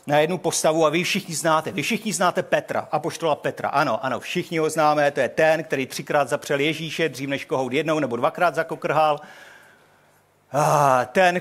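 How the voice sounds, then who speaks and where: An older man preaching a sermon in a hall, telling the story in an animated way and acting out the quotes. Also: on the high side.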